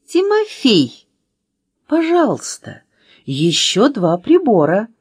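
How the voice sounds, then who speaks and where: A woman's voice: on the high side, wildly swooping pitch, slow, a little mellow, slightly rough, no room sound, clean studio sound, pitched above the performer's own voice, exaggerated voice. A woman voicing a fussy talking letter. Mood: welcoming. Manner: fussy, scolding hostess. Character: gruff, welcoming female talking letter И.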